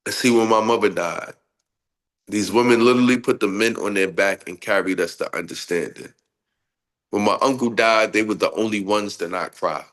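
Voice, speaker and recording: Speaking at a moderate pace in a fairly low register, this man has a nasal, congested voice from a cold. As a poet guest, he talks expressively and laughs a lot during a casual interview before moving into rhythmic spoken-word poetry.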